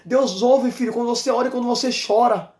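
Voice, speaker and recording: A man preaching a fervent sermon as an evangelist, exhorting and repeating his points with shouts of praise. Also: very high-pitched, quick pace. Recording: roomy echo.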